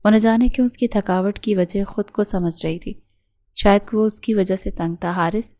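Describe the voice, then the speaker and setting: A woman reading a romance novel as a voice-over, in a steady, even storytelling manner. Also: mid-range voice. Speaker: narrator.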